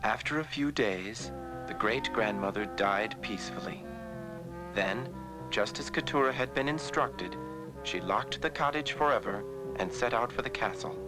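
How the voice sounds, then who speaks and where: A man narrating a scripted fairy tale as a measured storyteller. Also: mid-range voice, music in the background, poor audio.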